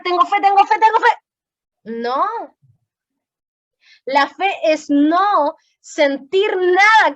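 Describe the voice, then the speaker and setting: A woman's voice: extremely high pitch, a bit bright, muffled recording. A woman preaching a sermon, telling an emotional testimony.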